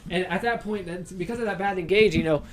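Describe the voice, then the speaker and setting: A young esports caster with a raspy, high-sitting voice delivers a brisk solo play-by-play shoutcast. He often restarts and stumbles over sentences, rising to excited shouting when fights break out.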